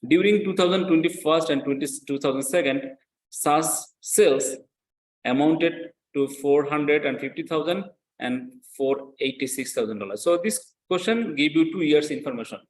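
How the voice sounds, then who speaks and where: Talking at normal speed with a fairly high pitch, a man whose first language isn't English gives a step-by-step accounting lecture. He repeats phrases and often checks that students follow, and the room sounds echoey.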